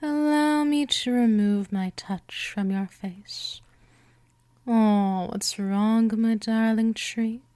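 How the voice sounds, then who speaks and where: A woman voices a seductive vampire, gentle yet dominant, in a scripted hypnosis roleplay, teasing and coaxing and often dropping toward a whisper. Her voice is fairly high, she takes her time, and there is no echo.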